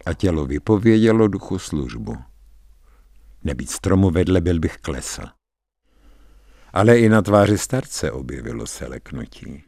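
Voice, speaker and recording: A man narrating a dark first-person story in a tense, measured dramatic radio reading. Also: low voice, big pitch swings, vocal fry, no echo, studio quality.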